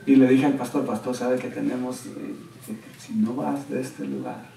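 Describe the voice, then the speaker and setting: A man's voice: mid-range voice, moderate pace, vocal fry. Roomy, distant male pastor preaching. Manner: animated storyteller, quoting others with raised excited voice. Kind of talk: sermon with storytelling. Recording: roomy church sound, from a distance.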